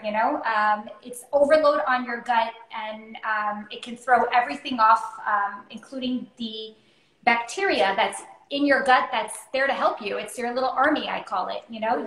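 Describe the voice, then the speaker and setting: A woman's voice: on the high side, fairly bright tone. A woman in her thirties co-hosting a cooking show over a video call from her home kitchen, chatty and explanatory with many fillers. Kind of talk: casual cooking chat. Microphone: video call, laptop or phone camera. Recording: roomy echoey kitchen.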